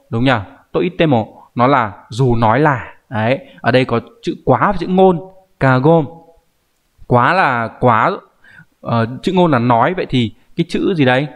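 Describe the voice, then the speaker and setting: A male language teacher walks the viewer through a grammar point. His delivery is patient and explanatory, and he keeps pausing to check that the listener is following. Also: medium pitch. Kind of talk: online grammar lesson.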